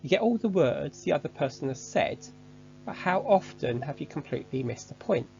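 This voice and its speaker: Gravelly man giving a lesson. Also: on the high side, sing-song, a little mellow, muffled recording, a little hiss or hum. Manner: measured, structured delivery. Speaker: course instructor. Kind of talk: scripted online lesson.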